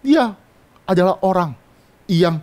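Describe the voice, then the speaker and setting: Man, sermon, high voice, animated, acts out quoted speech. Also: takes it slowly. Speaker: vicar preaching. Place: church.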